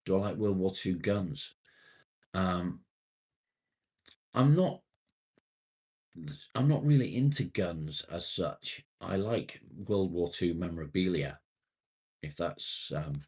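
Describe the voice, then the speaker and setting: This man in his late forties hosts a relaxed livestream, responding to viewer comments in a friendly way with occasional swearing. He speaks slowly with long pauses, in a low, darkish voice with a breathy edge.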